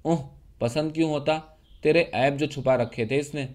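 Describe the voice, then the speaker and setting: A man's voice: on the high side, steady tone, lightly acted. A man voicing a scornful, fiery young woman. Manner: mocking, cutting, rising to shouts.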